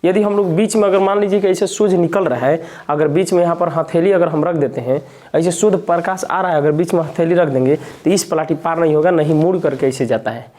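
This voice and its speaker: Mellow-voiced teacher quizzing himself aloud. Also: male voice, on the high side, brisk. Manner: repetitive, asks and answers own questions. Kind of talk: classroom physics lesson.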